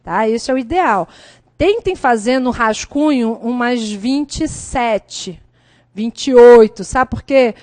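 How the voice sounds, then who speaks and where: A middle-aged woman with a Brazilian Portuguese accent teaching an exam-prep writing class, lively and chatty, often checking in with her students. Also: a little high, slow, no room sound.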